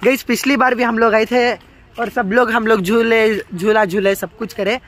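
In a casual walk-through vlog shot on a handheld phone in a city park, a teen or young man talks at normal speed in a high, fairly bright voice with a level tone. He keeps calling out "guys" to viewers and sprinkles English words into his Hindi.

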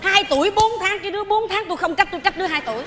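Brash, bossy comic nanny on a live stage. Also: female voice, very high-pitched, lively intonation, rapid-fire, crowd noise, noisy background. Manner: loud, bossy, laughing mid-line. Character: brash, boastful, unhinged woman nanny. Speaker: hired nanny. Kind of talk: stage comedy sketch. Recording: live stage audio with audience.

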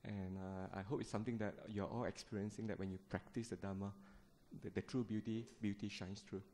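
Male speaker, thirties, slightly low pitch, gentle conversational talk, temple hall, handheld microphone. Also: little pitch movement, a little fast. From Malaysia. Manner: gentle, conversational, with frequent fillers and small laughs. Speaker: guest speaker at a Buddhist group. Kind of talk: Dharma talk to a seated audience. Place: temple hall, indoors, seated on the floor before a shrine.

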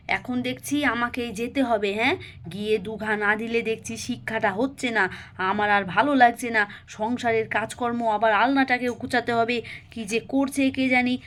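A woman's voice: fairly high pitch, fairly bright tone, lightly acted. A woman doing an exasperated, harried mother. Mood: irritated. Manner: complaining, exasperated. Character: harried young mother, irritable and tearful. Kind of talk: doll-story voice acting.

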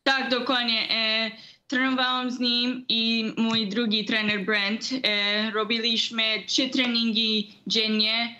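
A woman's voice: fairly high pitch, level tone, takes it slowly, pushed and bright. A teenage female boxer from Canada speaking in short, simple sentences with small grammar slips, on a video call from home. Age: teens. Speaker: young boxer. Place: indoor room at home.

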